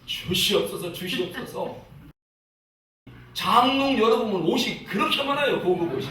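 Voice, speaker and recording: Animated male pastor in an echoey church. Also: very high-pitched, slight background noise. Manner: animated, mimics pleading prayers. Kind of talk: sermon. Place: church sanctuary. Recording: echoey church hall, distant mic.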